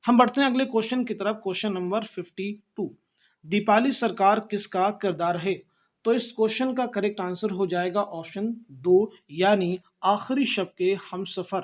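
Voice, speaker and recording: A man's voice: sits high, highs cut off. A male teacher running an exam-prep lesson, reading out quiz questions and repeating the key answers.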